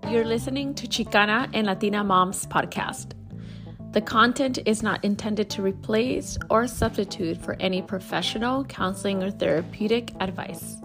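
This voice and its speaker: A friendly woman hosting a podcast, talking in a relaxed, chatty way and slipping between Spanish and English. Her pitch sits in an ordinary middle range, and soft music plays faintly behind her. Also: moderate pace, echoey room. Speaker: podcast host. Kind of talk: bilingual casual podcast interview.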